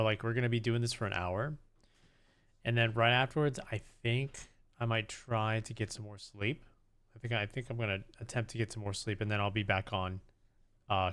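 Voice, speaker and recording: A man with a medium-pitched, slightly bright voice runs a livestream and talks casually with his viewers. His speech is rambling and hesitant, with frequent repetition.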